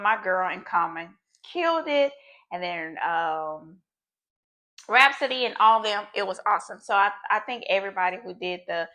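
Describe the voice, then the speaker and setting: A woman's voice: mid-range voice, sharp tone. A woman hosting her own talk show, chatting casually to her viewers with slang and sudden emphatic bursts. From United States. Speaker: show host. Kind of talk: casual chat to camera.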